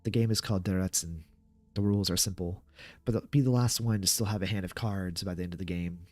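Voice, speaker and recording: A man's voice: low voice, fast, a little mellow, dry recording, lightly acted. A man voicing a self-assured male card dealer with a terse, instructive manner in a horror story.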